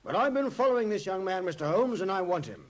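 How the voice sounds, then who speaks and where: High-pitched, stern Inspector Lestrade. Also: male voice, very animated, quick pace. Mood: stern, insistent. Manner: blunt, official, grudgingly deferential. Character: stern, dogged, self-assured police inspector. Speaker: actor playing a police inspector. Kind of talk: 1950s radio drama acting. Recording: slightly muffled vintage 1950s radio recording.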